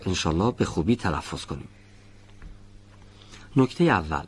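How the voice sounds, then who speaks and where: A man teaching pronunciation in a studio lesson, patiently demonstrating each sound slowly and repeatedly. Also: lowish voice, husky. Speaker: Quran recitation teacher. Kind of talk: classroom lesson on letter pronunciation.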